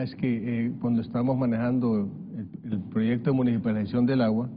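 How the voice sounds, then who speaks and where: Man, businessman guest, casual colloquial talk, muffled lo-fi broadcast audio. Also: medium pitch. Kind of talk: televised interview. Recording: dull lo-fi broadcast audio with faint hiss.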